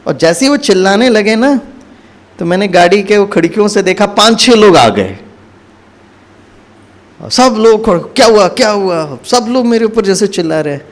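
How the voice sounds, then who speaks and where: Animated male spiritual storyteller. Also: sits high, normal speed, long pauses. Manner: animated, acts out dialogue. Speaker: spiritual speaker. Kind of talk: storytelling talk to an audience.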